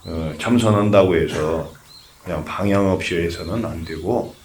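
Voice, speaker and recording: A man's voice: low voice, normal speed, darkish tone, a little hiss or hum. An older man, a Buddhist monk, giving a conversational sermon that asks the audience questions and tells humorous stories. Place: temple memorial service.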